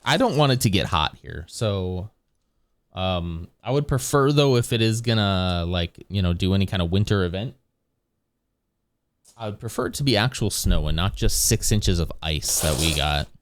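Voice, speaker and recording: A man with a low voice, streaming live and rambling easily to his viewers. His pitch rises and falls a lot as he talks, and he breaks into chuckles often. The sound is dry and close, with almost no room echo. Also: animated, normal speed. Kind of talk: casual chat with viewers.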